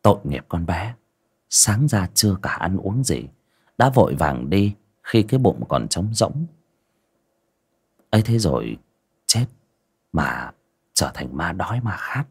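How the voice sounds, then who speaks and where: A man narrating a village ghost story on a livestream, pausing and repeating words as he goes. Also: sits low, sing-song, husky. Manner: hesitant, repeats words and restarts.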